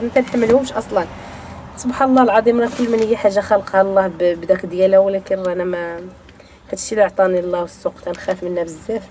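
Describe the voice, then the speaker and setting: On the balcony of her home, this Moroccan-accented woman films a vlog on a handheld phone and talks directly to her viewers in a casual way. She has a mellow, medium-pitched voice, with slight background noise.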